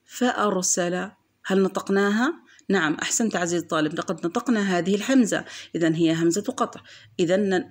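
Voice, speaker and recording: A woman teacher giving a recorded grammar lesson for children, patiently explaining step by step and repeating example words slowly. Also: medium pitch, darkish tone.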